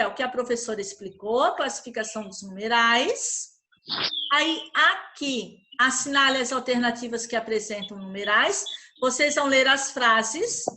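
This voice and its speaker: A Brazilian woman teaching young children in an online class, her voice high and clear. She explains a worksheet patiently, with lots of diminutives and frequent checks for understanding. The tone is bright and lively. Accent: Brazilian Portuguese.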